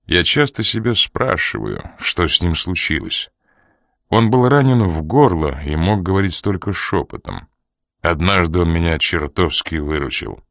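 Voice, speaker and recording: Мужчина озвучивает холодного угрожающего допрашивающего мужчину. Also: male voice, low voice, expressive, gravelly, dry recording, studio quality, heavily acted. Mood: probing. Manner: slow, quiet and threatening. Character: cold, menacing man questioning a woman.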